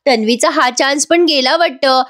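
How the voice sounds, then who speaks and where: A woman's voice: high voice, moderate pace, fairly bright tone, pitched above the performer's own voice. Mischievous young woman, needling, mocking tone, read by a woman. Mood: teasing.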